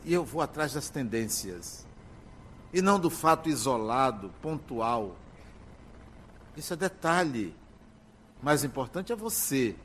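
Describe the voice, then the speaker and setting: An older man delivering a spiritual lecture, speaking slowly and emphatically with drawn-out words and pauses. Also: on the high side, slight background noise.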